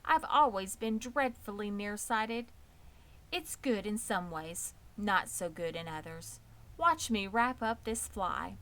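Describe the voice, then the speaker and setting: Woman as a poised, unhurried lady spider. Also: medium pitch, a bit bright. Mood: pleasant, composed. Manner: composed, precise, matter-of-fact. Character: poised, matter-of-fact, bloodthirsty female spider, pleasant and proud. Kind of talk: children's storybook read aloud.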